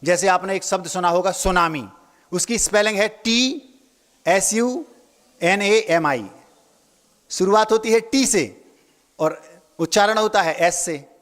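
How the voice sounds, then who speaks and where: A man's voice: high-pitched, slow, long pauses, a bit bright, long reverb tail. A Jain monk giving a sermon, playing with words, repeating key phrases and asking his listeners questions. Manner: asks the audience questions.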